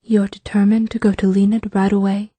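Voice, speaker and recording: A man's voice: high-pitched, level tone, fairly quick, warm tone, no echo, voice pushed up. A man voicing a blunt, determined young woman warrior in an audiobook, speaking earnestly and directly. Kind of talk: audiobook character voice.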